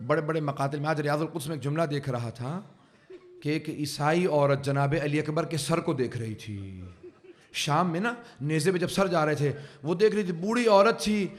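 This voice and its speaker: A man preaching a mourning sermon, telling a sorrowful story slowly and rising at times to anguished cries. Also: a little high. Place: religious centre hall.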